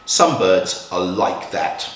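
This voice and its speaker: A low-pitched man reads a children's picture book aloud at a slow pace, very animated, with expressive swings and dramatic pauses. The room echoes and he sits distant from the mic, as at a live storytime.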